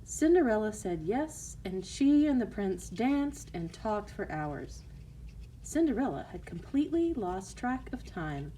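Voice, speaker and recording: A woman's voice: medium pitch, very animated, measured pace, warm tone, slight background noise, low-quality recording. A woman narrating a fairy tale in a storytelling style for listeners.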